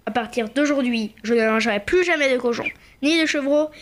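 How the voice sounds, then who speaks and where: A man's voice: very high-pitched, a little fast, fairly bright tone. A young performer voicing a grumpy, suspicious male wolf who talks back indignantly. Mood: fed up. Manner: sulky, indignant back-talk.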